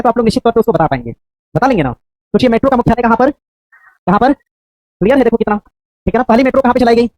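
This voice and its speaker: A woman teacher coaching a class for an exam, quizzing students with rapid, repeated questions. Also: fairly high pitch, darkish tone, dry recording, rough recording.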